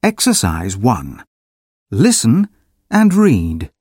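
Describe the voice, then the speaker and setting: A man's voice: lowish voice, huge pitch swings, extremely slow, darkish tone, husky, no room sound, studio quality, soft background music. A man reading short scripted announcements for a language lesson. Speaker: course announcer.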